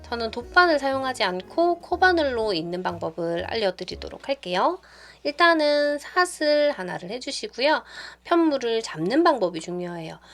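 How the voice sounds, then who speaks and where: A woman hosting a crochet tutorial, patiently talking through each step and counting stitches aloud as she demonstrates. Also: on the high side. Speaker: knitting tutorial host. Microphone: phone camera. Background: soft background music.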